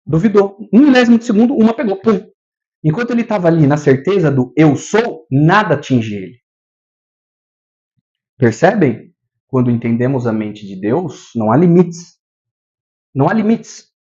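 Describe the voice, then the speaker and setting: Brazilian man, spiritual lecture, animated, fairly high voice, dull lo-fi recording. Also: moderate pace. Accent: Brazilian Portuguese. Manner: animated, acts out scenes with sound effects.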